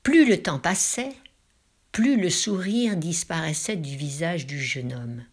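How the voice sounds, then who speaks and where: A woman telling a folk tale with slow, drawn-out dramatic phrasing, dropping into hushed whispers for emphasis. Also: deep voice, breathy edge. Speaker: storyteller.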